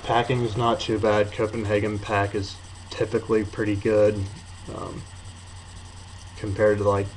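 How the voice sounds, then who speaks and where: An eighteen-year-old man giving a casual, rambling, offhand video review in a hesitant, low-key way, talking slightly muffled with a lip full of dip. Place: apartment bedroom. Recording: noisy room sound.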